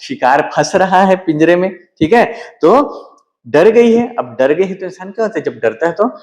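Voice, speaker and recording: A male teacher giving a literature lecture, reciting verses slowly and then explaining them with frequent checking asides. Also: high-pitched, expressive, a little mellow.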